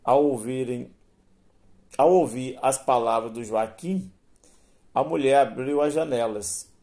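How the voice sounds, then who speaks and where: A male storyteller reads a tale aloud at a slow, measured pace. His voice is mellow and soft-edged, and his pitch sits in an ordinary middle range. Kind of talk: reading a spoken story.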